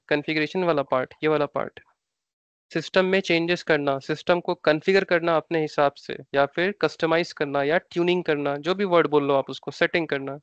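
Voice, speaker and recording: An SAP training instructor with an Indian accent explains ideas step by step in a live online class, repeating terms and posing rhetorical questions. His voice is fairly high, clear, and resonant, though the recording is dry and the audio dull.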